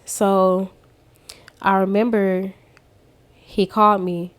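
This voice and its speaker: A woman's voice: mid-range voice, little pitch movement, takes it slowly, clear, resonant tone. A woman vlogger giving a casual personal testimony, talking straight to her viewers as she tells her story. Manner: chatty storyteller who addresses viewers directly. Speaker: faith vlogger.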